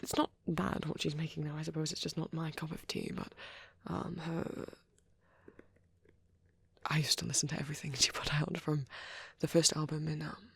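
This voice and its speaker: Whispering much of the time, this man plays a timid, tender young vampire boyfriend in an ASMR roleplay, his hesitant rambling breathy and husky. He speaks at a normal speed in a voice on the high side with flat delivery, and the recording is dry.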